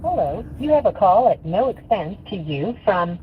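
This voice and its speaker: A woman's voice: mid-range voice, normal speed. A woman reading a formal recorded call message, heard through an automated phone system. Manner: even, formal announcement delivery. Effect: heard over a phone line. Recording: tinny phone line, faint hiss.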